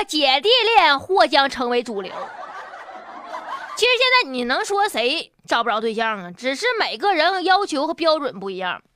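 Bright, lively high-pitched woman, Northeastern Mandarin accent. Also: dry recording. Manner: sassy, mocking, colloquial storytelling. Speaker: host of a comic news commentary show. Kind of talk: comedic news commentary with punchlines.

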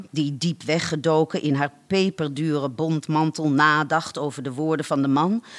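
A storyteller reading a literary story aloud in a deliberate, dryly ironic manner. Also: mid-range voice. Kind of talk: scripted literary narration.

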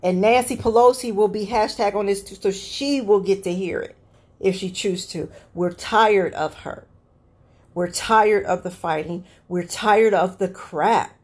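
A woman's voice: mid-range voice, measured pace, darkish tone, slightly rough. A woman hosting her own podcast, ranting bluntly about politics with plenty of swearing and an exasperated manner. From Cleveland area. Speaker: podcast host. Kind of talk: solo political rant podcast.

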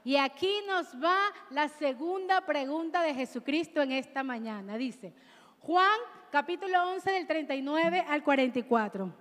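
Brief: a woman preacher with a high voice who leads call-and-response with her congregation, heard in a reverberant church hall. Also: expressive, measured pace, fairly bright tone. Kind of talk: sermon.

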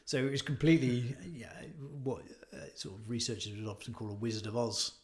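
A man's voice: mid-range voice, brisk. A man in casual chat as a podcast co-host, telling anecdotes and agreeing often. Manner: anecdotal, agreeable, frequent "yeah" and "you know".

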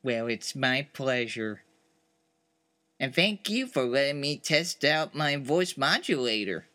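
A man voicing an eccentric male time-travel scientist who patiently lays out rules in a calm, explaining manner. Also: a little high, a little slow, full character voice. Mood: polite. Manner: calm, explanatory, earnest rule-giving.

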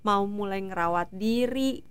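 A woman in her thirties, a guest in a casual interview, telling stories in a lively way and acting out what others said. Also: mid-range voice, measured pace, clear, resonant tone. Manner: lively storytelling, acting out quoted voices.

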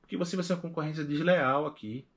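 A young man with a Pernambuco accent, a podcast guest in casual chat, telling his story with animated retellings of past conversations. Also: fairly high pitch, fast. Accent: Pernambuco Portuguese. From Recife, northeast Brazil. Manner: animated, acts out past conversations in quoted voices.

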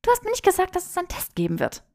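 A woman voicing a bookish young witch who talks in a flustered, rushed, defensive way. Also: very high-pitched, huge pitch swings, gravelly, darkish tone, voice pushed up, exaggerated voice.

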